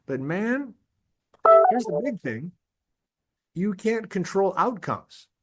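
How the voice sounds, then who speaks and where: A man presenting a leadership webinar in a casual, energetic, conversational way, often restarting his sentences. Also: sits high, slow, husky. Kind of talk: casual motivational talk.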